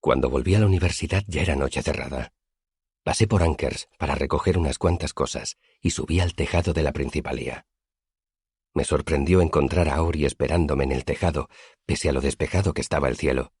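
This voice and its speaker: A man narrating an audiobook in a measured storytelling manner. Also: rumbling low, darkish tone, breathy edge, no room sound, clean studio sound.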